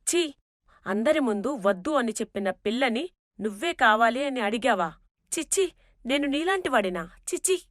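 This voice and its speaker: A woman voicing an impulsive, naive young female alien in an animated story, blunt and outspoken. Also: on the high side, normal speed. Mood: indignant. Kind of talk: storybook cartoon voice acting.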